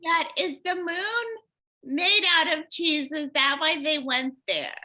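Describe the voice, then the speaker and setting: A woman's voice: sits high, takes it slowly, pushed and bright, exaggerated voice. A woman playing a curious daughter in an improv comedy scene, politely pressing her questions. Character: curious young daughter asking about the moon.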